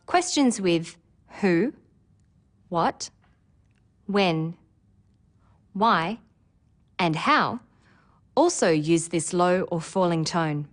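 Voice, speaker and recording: A woman presenting an English exam preparation lesson in clear, careful scripted narration. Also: fairly low pitch, lively intonation, extremely slow, pauses often, soft background music. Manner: clear, careful delivery with demonstrated intonation.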